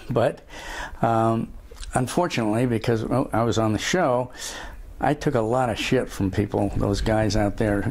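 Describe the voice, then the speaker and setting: A man's voice: fairly low pitch, darkish tone, slight background noise. A man from Los Angeles, candidly reminiscing in a conversational documentary interview.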